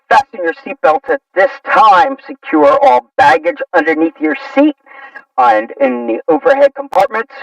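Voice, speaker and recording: A man's voice: very high-pitched, creaky, no echo, far from the mic, pitched above the performer's own voice, heavily acted. Man doing a tinny pilot announcement. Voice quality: tinny walkie-talkie voice. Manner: formal announcer delivery. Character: male airline pilot making a cabin announcement. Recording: muffled lo-fi walkie-talkie sound.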